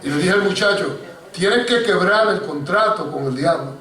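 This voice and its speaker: A man's voice: high-pitched, normal speed. A man preaching a sermon as pastor, telling a story and often calling to his listeners as brothers. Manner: animated preaching, addressing listeners as hermano. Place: church hall. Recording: echoey church recording from far off.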